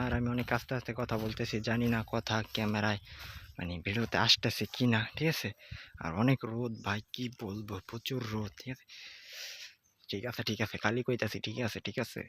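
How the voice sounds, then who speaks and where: A man's voice: mid-range voice, a bit bright, slight background noise. A man, a first-time vlogger rambling casually outdoors by the fields, filming on an old phone. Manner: rambling, repeats "okay?" often. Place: outdoors by fields in hot sun. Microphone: old handheld phone.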